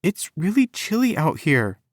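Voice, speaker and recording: A woman's voice: on the low side, steady tone, slow, darkish tone, slightly rough, dry recording, studio quality, pitched above the performer's own voice. A male audiobook narrator voicing a whiny, melodramatic teenage girl who pleads tearfully.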